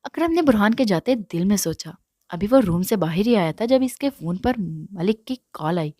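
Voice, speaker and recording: A woman narrating a romance novel in a steady, even storytelling manner. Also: medium pitch, no echo, clean studio sound. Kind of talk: reading a romance novel aloud.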